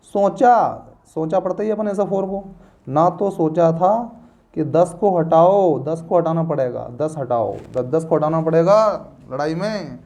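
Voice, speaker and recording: A man's voice: on the high side, measured pace, darkish tone. A man teaching a class, playfully repeating memory tricks and quizzing his students. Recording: dull lo-fi recording.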